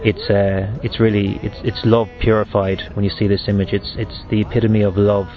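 Flat-toned West of Ireland man, halting and reflective. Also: on the low side, highs cut off, faint music behind. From Galway, west of Ireland. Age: 30s. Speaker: seminarian giving a personal testimony. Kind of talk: personal faith testimony.

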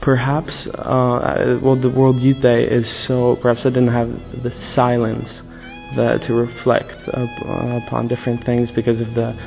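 A man in his twenties tells a personal story in a halting, restart-prone way. His voice is dark and gravelly with almost no pitch movement. The recording is muffled, with faint music underneath. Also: completely flat delivery. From born in the USA, raised in the Caribbean and Poland. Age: 20s. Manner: hesitant, many fillers and restarts. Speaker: pilgrim interviewee. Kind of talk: casual testimony.

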